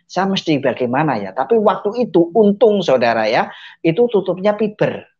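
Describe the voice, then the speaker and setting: A man's voice: sits high, sing-song, normal speed, a little mellow, breathy edge. A man giving an earnest personal testimony, telling his story to listeners he keeps calling brothers and sisters, with hesitant fillers along the way. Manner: hesitant fillers mid-sentence. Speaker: testimony speaker. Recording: dull, muffled lo-fi audio.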